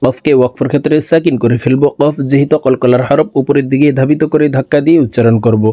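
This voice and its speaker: A man's voice: medium pitch, steady tone, dark tone, no echo. Man teaching Quran recitation. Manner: slow drawn-out melodic recitation alternating with brisk explanation. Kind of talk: spelling out and reciting Quran verses for learners.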